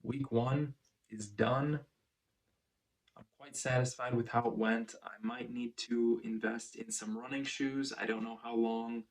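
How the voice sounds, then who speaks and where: Male vlogger, unhurried and deliberate, fairly flat intonation, medium pitch, casual personal recap delivery. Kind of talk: casual first-person running vlog recap.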